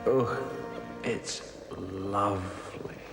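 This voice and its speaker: A man voicing a contented cartoon character in a halting, savouring, conversational way. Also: fairly even intonation, gravelly, full character voice. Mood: cosy contentment. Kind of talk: conversational animation monologue. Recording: boomy reverberant room, music behind.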